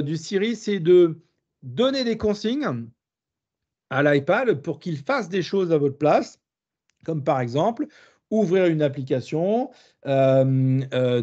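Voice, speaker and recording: A man's voice: a little high, a little mellow, muffled recording. A man with a southern French accent leading a live webinar demonstration as trainer, hesitant with many fillers and restarts.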